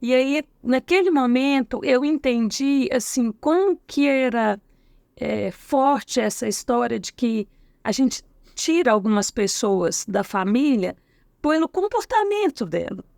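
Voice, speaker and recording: Middle-aged Brazilian woman, lively storyteller. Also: sits high, unhurried, vocal fry, no echo, clean studio sound. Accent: Brazilian Portuguese. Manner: acts out quoted dialogue, frequent tag questions. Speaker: guest educator. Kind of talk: anecdotal storytelling in a casual interview.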